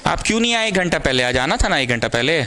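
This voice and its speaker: A man's voice: fairly high pitch, very animated, quick pace, sharp tone. A young man teaching maths to a small class, mixing in English and scolding students in a caring way. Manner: scolding yet caring, mixes Hindi and English. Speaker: maths tutor.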